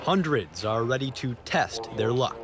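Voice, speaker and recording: A man's voice: mid-range voice, animated, measured pace, loud music behind the voice. A man narrating a scripted TV news feature as its reporter. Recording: loud hall noise behind.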